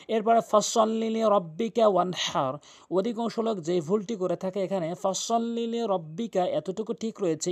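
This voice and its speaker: A man's voice: high-pitched, a little mellow. A man teaching Quran recitation in an emphatic, insistent way, spelling words out sound by sound with frequent "ah" fillers. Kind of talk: lesson.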